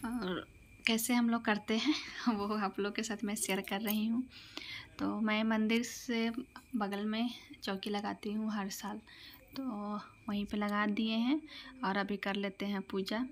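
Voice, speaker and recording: Soft-spoken woman vlogging in a noisy room. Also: medium pitch, steady tone, a little slow. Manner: speaks softly, often near a whisper. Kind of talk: casual vlog chat. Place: at home.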